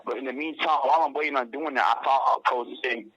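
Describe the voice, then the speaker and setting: Earnest young man with a bright voice. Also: mid-range voice, fast, highs cut off. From Barbados. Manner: earnest, restarts his sentences often. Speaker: guest calling in from prison. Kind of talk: casual phone interview.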